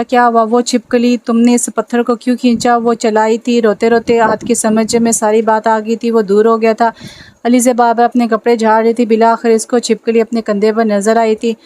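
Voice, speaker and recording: A woman narrating a romance novel aloud with a fairly high voice. Her delivery is steady and very level, with little rise and fall. Each sentence is read out at an even, unhurried pace. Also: low-quality recording. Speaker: novel reader.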